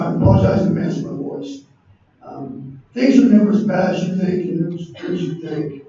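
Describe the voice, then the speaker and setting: A hoarse man in his sixties from Indiana, giving an earnest acceptance speech as a coach inducted into a hall of fame. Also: a little high, dark tone. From Indiana, USA. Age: 60s. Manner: earnest, lists names and values. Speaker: award inductee, basketball coach. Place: large banquet hall. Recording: echoey hall, distant muffled mic, faint noise.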